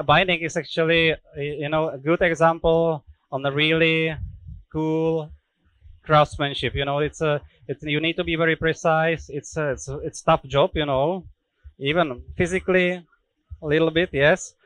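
A man in his thirties whose native language is Czech talks in English about making guitars on a factory tour in an indoor workshop, using a headset mic and plenty of fillers and restarts. His fairly high, fairly bright voice keeps a fairly even intonation at a moderate pace, recorded with no echo in poor audio.

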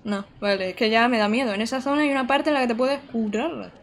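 A woman's voice: on the high side, fast. Chatty young woman streaming a game. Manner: chatty, talks to chat while playing. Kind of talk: live gameplay commentary.

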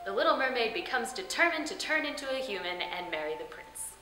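Sing-song and brisk, this young adult female host has a slightly high voice with a sharp tone. She delivers scripted, theatrical comedic storytelling narration in a roomy recording with music playing behind her.

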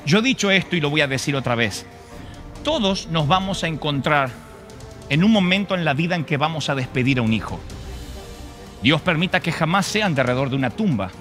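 A man's voice: on the high side, expressive, brisk, faint music behind. A male preacher retelling a story in a sermon, dramatic and acting out the voices. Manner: dramatic, acts out voices, shifts loud and soft.

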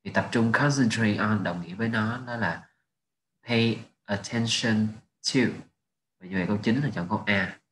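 A man with a fairly low voice explains test answers step by step, reading English phrases. The recording sits in an echoey room with a faint hiss. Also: brisk, fairly bright tone. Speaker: English teacher. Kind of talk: exam answer walkthrough.

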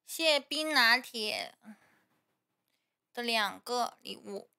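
A young woman with a high, bright voice chats casually to her livestream viewers at a close mic. Her speech is a little impeded by a swollen face, so it can come out halting. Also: animated, creaky. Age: young adult. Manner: slow, halting speech for now. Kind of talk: casual chat with live viewers. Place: small indoor streaming room. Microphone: close condenser mic on boom arm.

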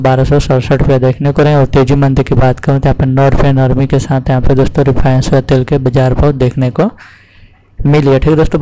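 A man's voice: mid-range voice, dark tone, a little hiss or hum, poor audio. A man hosting a channel, reading out market prices to farmers in a repetitive, formulaic way and calling listeners friends. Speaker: commodity price channel host.

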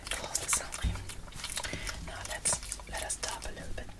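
Casting: young woman for whispered role-play as a make-up artist, brisk fast ASMR, breathy, set a little back from the mic. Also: distant mic. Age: young adult. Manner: brisk, repetitive fast ASMR delivery, attentive. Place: small indoor room.

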